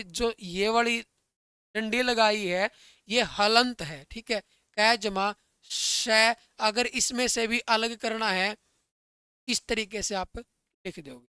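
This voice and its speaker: High, bright-voiced male teacher. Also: no echo. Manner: keeps asking students if it is clear; calls listeners dear friends and brother. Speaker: Hindi grammar teacher. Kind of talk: online exam-prep lesson.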